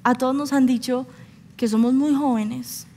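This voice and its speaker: A woman's voice: high voice, steady tone, moderate pace, mellow, slight background noise. A young woman preaching a sermon, telling stories animatedly and acting out the voices of the people she quotes.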